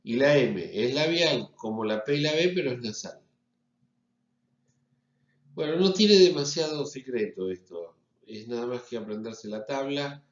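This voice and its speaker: A man with a Rioplatense accent lectures in a slow, patient way, pausing to check that his students follow. His voice sits in an echoey room and the recording sounds a little dull. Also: mid-range voice, lively intonation. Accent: Rioplatense Spanish. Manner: explanatory, checks in with frequent "¿sí?". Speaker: university lecturer.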